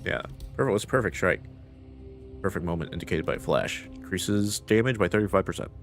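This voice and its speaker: A man streaming a video game live, muttering the game's text to himself and breaking into loud, profane, laughing jokes with his viewers. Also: low-pitched, fairly quick, soft background music. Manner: mutters game text, then bursts into loud excited joking. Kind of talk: live gameplay commentary.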